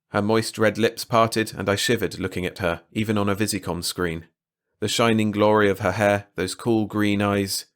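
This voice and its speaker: A man reading a science fiction short story aloud in measured, even scripted narration. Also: fairly low pitch.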